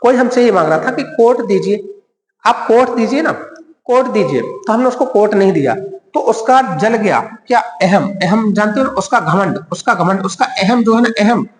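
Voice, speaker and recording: A man's voice: high-pitched, expressive, normal speed. A man teaching an exam-prep lesson with memory tricks. He repeats each point, quizzes his listeners, answers himself and keeps calling them friend. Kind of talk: mnemonic-based classroom lecture. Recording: echoey room with long reverb.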